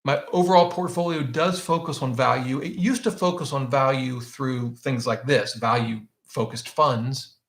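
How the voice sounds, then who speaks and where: A finance channel host takes viewer questions on a live stream, his mid-range voice carrying a roomy sound. He talks through his choices in an easygoing way, restarting sentences again and again as he works out his thoughts aloud.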